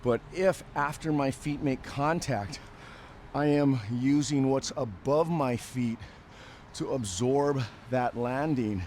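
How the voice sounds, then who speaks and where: An older man speaks slowly and calmly, explaining a workout while he demonstrates it. He thinks aloud in short, unhurried phrases between movements. A faint background noise sits under his voice. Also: mid-range voice. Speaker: fitness coach.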